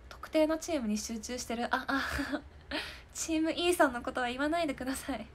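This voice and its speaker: Speaking briskly in a voice that sits high, this idol in her twenties runs a live stream talk show and responds to viewer comments. She keeps things casual and chatty, giggling and laughing frequently, and there's slight background noise.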